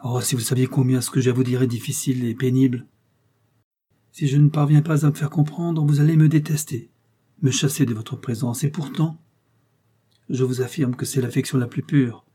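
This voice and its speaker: An earnest, devoted young woman speaks in humble, pleading tones in this storybook reading, as a man reads her lines. The voice is dark and husky. Her words come out emotional and sincere. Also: medium pitch, steady tone, normal speed, close to an everyday voice.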